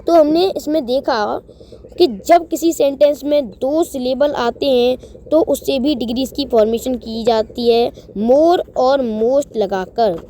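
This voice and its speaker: A woman teaching a grammar lesson, reading rules aloud slowly and then explaining them step by step. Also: high voice, mellow, a little hiss or hum.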